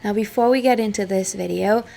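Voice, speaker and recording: A non-native English-speaking woman hosts her own history channel, narrating a scripted story in a dramatic, hushed manner. Her mid-range, gravelly voice moves fairly quickly, and her phrases often trail off into a whisper.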